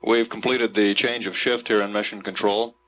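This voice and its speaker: A man's voice: lowish voice, flat delivery, normal speed, a bit bright. An American man giving formal, matter-of-fact status announcements from mission control, with the odd hesitation. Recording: dull lo-fi archival announcement.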